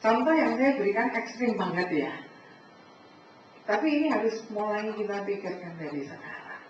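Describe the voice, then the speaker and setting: A woman giving a preaching talk to a congregation, animated, acting out conversations and often addressing her listeners directly. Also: mid-range voice, moderate pace. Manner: animated, acts out dialogue, keeps addressing the listeners. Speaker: speaker at a church family fellowship. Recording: echoey hall from far off, dull sound, faint noise.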